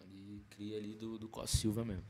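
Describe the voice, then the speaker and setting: Gravelly man from Campinas. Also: on the low side, fairly quick, slight background noise. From Campinas, Brazil. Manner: relaxed slangy storytelling, many fillers and self-corrections. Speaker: podcast guest. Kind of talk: casual storytelling interview. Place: small podcast studio, indoors. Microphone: desk mic on stand.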